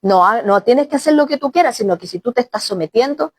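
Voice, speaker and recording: A woman's voice: on the high side, lively intonation, quick pace. A woman pastor preaching a sermon, often exclaiming and speaking straight to the congregation as brother and sister. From Chile.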